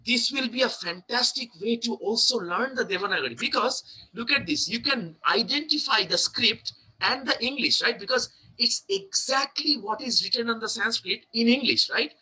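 Bright high-voiced man teaching chanting. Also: lively intonation, low-quality recording. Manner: chants syllables slowly, then explains in a quick, searching way. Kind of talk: online chanting lesson.

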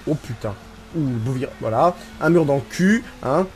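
A man from France giving casual, excitable commentary over his racing game, swearing and mocking himself. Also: medium pitch, normal speed. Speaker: gaming YouTuber. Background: game music.

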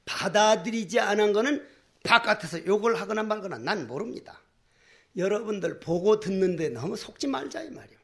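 An older man, a Buddhist monk, giving a dharma talk in a folksy, animated preaching manner full of rhetorical questions. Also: high-pitched, normal speed, creaky. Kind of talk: sermon.

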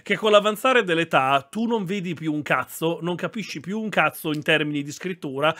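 A man's voice: on the high side, sharp tone. A young man chatting animatedly on a live stream, reacting to posts and thanking viewers, often breaking into laughter.

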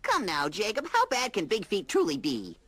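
A woman's voice: medium pitch, huge pitch swings, normal speed, heavy background noise. A woman voicing a pampered, lazy male cat in a cartoon dub, whiny and theatrical. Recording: loud music under the dialogue.

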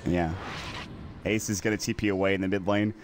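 A man doing play-by-play commentary on an esports match, quick and excitable in fights and laid-back in the lulls. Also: deep voice, slight background noise.

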